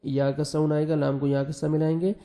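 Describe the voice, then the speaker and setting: A man teaching Quran recitation whose first language is Urdu. He switches between brisk spelled-out explanation and slow, stretched chanting. His voice is dark and mellow, set a little high, with very little rise and fall. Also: little pitch movement. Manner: alternates rapid explanation with slow drawn-out recitation. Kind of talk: tajweed lesson, spelling out letters and reciting slowly.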